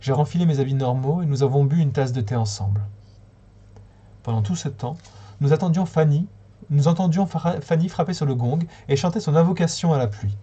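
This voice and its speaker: Mellow, husky-voiced male storyteller. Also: fairly high pitch, fairly quick, dull audio. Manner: calm, steady storytelling with small slips. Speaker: reader. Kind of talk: reading a short story aloud on a livestream.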